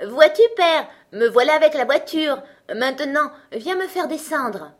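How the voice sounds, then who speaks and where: A woman's voice: on the high side, moderate pace, natural voice. A woman voicing a tiny, clever peasant boy with an eager, cheeky way of talking, in a storybook reading. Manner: bright, eager, mocking.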